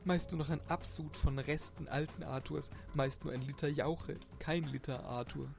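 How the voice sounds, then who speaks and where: A man's voice: medium pitch, normal speed, soft background music, natural voice. A man voicing a small, frightened male shopkeeper who stammers and pleads in a servile way. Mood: pleading.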